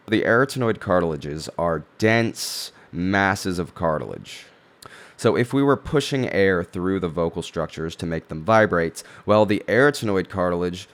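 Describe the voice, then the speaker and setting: Low-voiced man teaching vocal technique. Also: clean tone. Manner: explanatory, step by step. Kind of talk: tutorial explanation.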